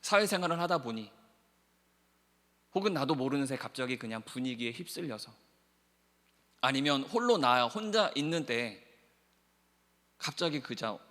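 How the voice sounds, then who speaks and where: A male pastor preaching a sermon, swinging between hushed, soft passages and loud, impassioned pleading. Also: medium pitch, very animated, normal speed, pauses often. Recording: long church hall reverb.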